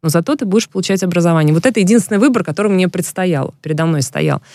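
In rapid-fire bursts, this former professional basketball player speaks expressively in a low, slightly mellow voice, telling long, frank stories about her career. It's a casual, reflective interview, captured in clean studio sound with no room tone.

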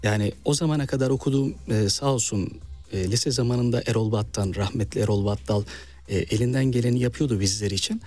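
A Malatya-born novelist and actor from eastern Turkey, with an eastern Turkish accent, tells stories in an interview and animatedly acts out quoted speech. His mid-range voice moves fast over soft background music.

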